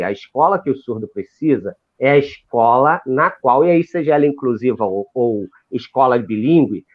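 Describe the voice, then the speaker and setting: Man, deaf-education teacher, lively lecturing delivery, restarts often, tinny phone-like call sound. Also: on the high side. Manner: animated, lecturing, with frequent restarts. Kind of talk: explanatory talk in a live video call. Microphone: video call. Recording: tinny phone-like live stream audio.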